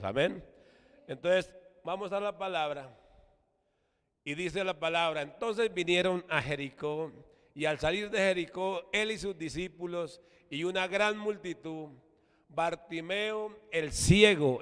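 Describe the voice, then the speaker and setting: An apostle preaches a sermon in Colombian-accented Spanish, emphatic and repetitive, repeating "hermano" and leading his congregation in call-and-response as they repeat words back. His voice is fairly high, a bit bright and clean in tone, with long, echoey hall reverb.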